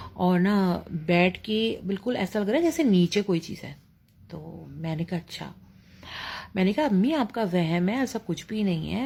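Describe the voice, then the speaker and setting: A woman's voice: medium pitch, dark tone. A middle-aged woman with a Pakistani Urdu accent telling a personal ghost story casually, with many fillers, acting out her mother's words.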